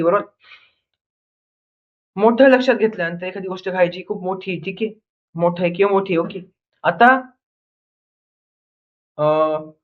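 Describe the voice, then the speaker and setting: High-voiced young male teacher drilling words. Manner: repetitive question-and-answer drilling; says "ठीक आहे" constantly. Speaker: English grammar teacher. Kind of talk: online lesson in Marathi. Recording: tinny phone-like audio.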